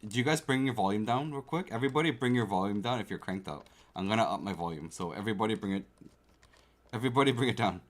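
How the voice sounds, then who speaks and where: Here a man with a fairly low pitch talks quickly and animatedly on a livestream as he puts together a keyboard, keeping up a casual chat and checking in with viewers. Faint keyboard clicks and typing come through his desk mic, which is set close to the keyboard.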